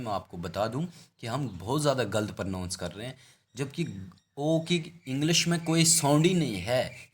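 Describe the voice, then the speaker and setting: Low-voiced man teaching phonetics. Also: a little hiss or hum. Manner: explains slowly, repeats and stretches example words. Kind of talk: phonetics lesson.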